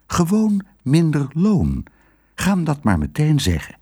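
A man's voice: fairly high pitch, wildly swooping pitch, warm tone, husky, voice pushed up, full character voice. A man doing a bossy thrifty wife. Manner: brisk, bossy. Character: bossy, thrifty middle-aged woman, hotel owner's wife.

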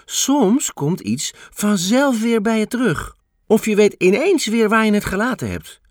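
A man voicing a patient, kindly grandmother in a storybook reading, gentle and musing. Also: high voice, very animated, unhurried, no room sound, studio quality, pitched above the performer's own voice.

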